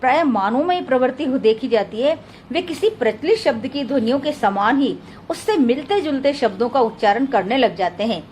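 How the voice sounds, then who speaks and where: A woman with a fairly high voice delivers a lesson in a steady, explanatory tone, slowing down to lay out each example carefully. A faint hiss sits under the recording. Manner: steady, explanatory, slows to spell out word examples. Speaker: teacher. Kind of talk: lecture read from notes.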